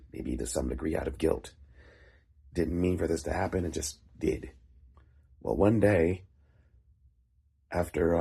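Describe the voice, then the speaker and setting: A man with a very low, husky voice tells a story off the cuff. His tone is dark and mellow, with a phlegmy rasp. He speaks casually in short, halting phrases, pausing as he builds the tale. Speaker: writer and vlog host. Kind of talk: casual rambling storytelling monologue.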